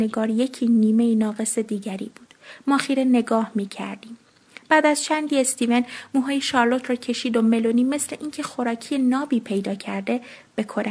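A woman narrating a short story in an expressive reading voice, lifting her pitch when she speaks the children's lines. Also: creaky, husky.

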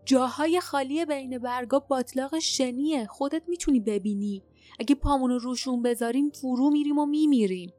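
A woman's voice: high-pitched, dry recording, soft background music, voice pushed up, lightly acted. A woman voicing a fierce young female fighter who protests angrily. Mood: angry. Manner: shouting, angry protest.

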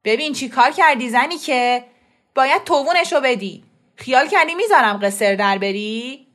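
A woman reading a storybook voices a scruffy, belligerent male caretaker who shouts hoarsely and talks rudely. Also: high voice, expressive, pitched above the performer's own voice. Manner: rude, bullying.

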